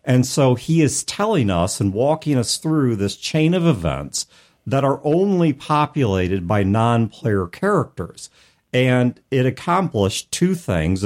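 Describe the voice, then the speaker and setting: A podcast host talks casually about tabletop role-playing games in a fairly low, slightly mellow male voice. He explains things at length, reflective and full of hedging asides.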